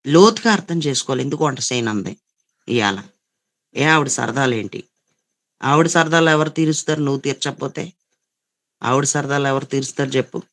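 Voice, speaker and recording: A man's voice: medium pitch, a bit bright. A man with a Telugu accent preaching a sermon as a pastor, repeating phrases and scolding his listeners. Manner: repetitive, scolding preaching with quoted voices.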